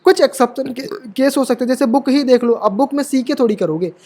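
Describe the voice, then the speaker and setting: A man's voice: very high-pitched, fast, darkish tone. A man from India teaching English spelling in an online lesson. He explains step by step, repeats each rule and example, and keeps asking whether the students follow. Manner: explains step by step with many rhetorical questions and constant "okay?" check-ins; repeats words and examples over and over.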